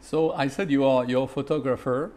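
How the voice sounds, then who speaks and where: A man hosting a formal interview, speaking politely and carefully, with frequent pauses. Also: medium pitch, steady tone, darkish tone. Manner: measured and polite, with frequent hesitations.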